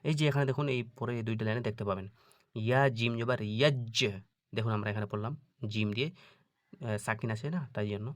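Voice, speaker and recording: In an online lesson, a man teaches Quran reading, explaining slowly and putting questions to his students. He spells out the letters before reciting each word in a drawn-out way. His voice is fairly low, with studio-quality sound and no room echo.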